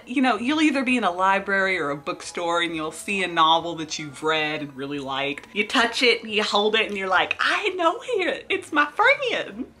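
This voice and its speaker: A woman talks to her vlog audience in a loose, rambling way, full of self-mocking asides. Her voice is bright and forceful, and her pitch swings widely. Soft music plays faintly underneath. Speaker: book vlogger. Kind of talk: casual chatty vlog.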